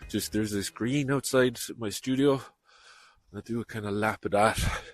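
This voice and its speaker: A man's voice: fairly low pitch, measured pace, faint music behind. A man hosting a podcast, giving a chatty, rambling and self-deprecating outro while out on a walk. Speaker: podcast host. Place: outdoors on a walk.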